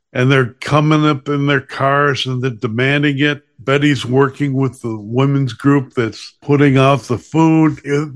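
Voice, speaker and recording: A man's voice: medium pitch, a bit bright. A man from Chicago hosting a podcast, reading sponsor spots and sounding off in a sarcastic, combative way. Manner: sarcastic, combative, slips into mocking voices. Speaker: podcast host. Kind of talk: opinionated podcast monologue with sponsor reads.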